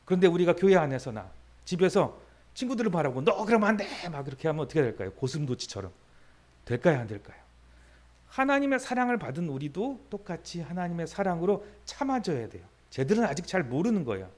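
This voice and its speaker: A male pastor giving a lively sermon to children, asking them many questions. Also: fairly high pitch. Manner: animated, asks the listeners many questions.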